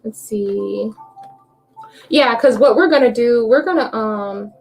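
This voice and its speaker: A woman's voice: on the high side, slow pace, vocal fry, darkish tone, soft background music. A woman hosting a live tarot reading, chatting casually with viewers and laughing often. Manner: chatty, laughs often, talks to viewers while shuffling cards. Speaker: tarot reader livestream host. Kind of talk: casual livestream chat.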